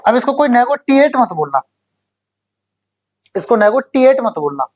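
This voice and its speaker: Guy teaching english in a coaching class, kinda high voice, keeps asking the students questions and repeating stuff. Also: sing-song, slightly rough. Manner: explains slowly and repeats key words. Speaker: English teacher for exam prep. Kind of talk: classroom lecture.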